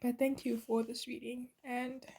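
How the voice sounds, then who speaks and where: Soft husky woman giving a tarot reading. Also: on the high side, little pitch movement, a little slow. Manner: meandering, earnest, many fillers and restarts. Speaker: tarot reader.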